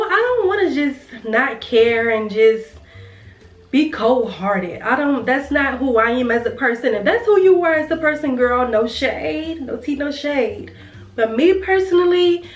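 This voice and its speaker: A young woman with a high, expressive, slightly slow voice chats warmly and casually with her viewers as she does her makeup, calling them "girl" and "y'all." It's a beauty vlogger's get-ready-with-me video, heard from a distance in a roomy space with faint music behind her.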